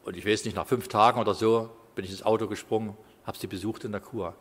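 A man in his fifties preaching a sermon in a conversational way, with quiet asides and loud bursts of emphasis. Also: fairly low pitch, steady tone, fast, husky. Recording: hall with long reverb.

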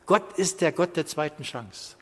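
A man in his fifties preaching a sermon in a conversational way, with quiet asides and loud bursts of emphasis. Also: on the high side, animated, measured pace. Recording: hall with long reverb.

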